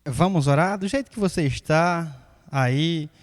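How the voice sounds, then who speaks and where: A man's voice: fairly high pitch, measured pace, big-room sound. A man leading an earnest, solemn spoken prayer. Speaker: prayer leader.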